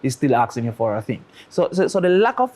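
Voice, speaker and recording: Very animated and fast, this mid-range, slightly mellow male voice has a Jamaican accent. He appears as a talk-show guest, arguing his views through analogies and rhetorical questions.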